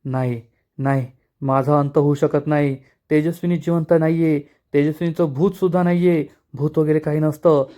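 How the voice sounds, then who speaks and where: A ruthless, powerful woman boss gone to pieces with fear, put on by a man retelling a serial. She cries out the same pleas over and over. The voice is fairly high and mellow. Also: steady tone, normal speed, natural voice. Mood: shaken. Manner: panicked pleading, repeated cries.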